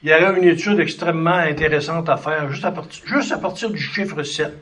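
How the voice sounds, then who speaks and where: A man gives a Bible lesson in a relaxed, unscripted way. His voice sits a little high for a man. He pauses on fillers and restarts now and then while he explains the passage. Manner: conversational, with many fillers and restarts, reads scripture aloud. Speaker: preacher teaching a Bible study. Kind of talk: sermon-style Bible teaching.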